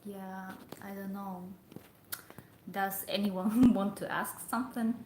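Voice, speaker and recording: A woman's voice: medium pitch, steady tone, takes it slowly, background noise. A young adult woman chatting casually on a livestream, rambling and hesitant with lots of fillers. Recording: echoey room.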